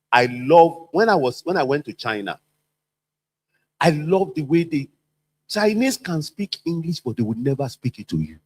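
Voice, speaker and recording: Man trainer, high-ish and very animated, repeats points and acts out quotes. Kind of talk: workplace training talk.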